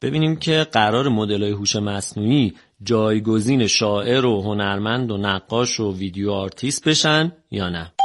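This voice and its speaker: Mid-pitched man hosting a talk show. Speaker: radio show host. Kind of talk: explanatory tech talk, conversational presenting.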